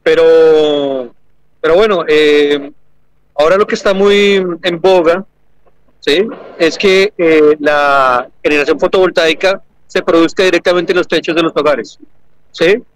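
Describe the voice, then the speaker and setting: A man's voice: a little high, measured pace, clear, resonant tone, rough recording. A man with a Colombian accent, an engineering lecturer and researcher, explaining energy topics at a fair stand and often checking understanding. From Argentina and Colombia. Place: large indoor exhibition hall.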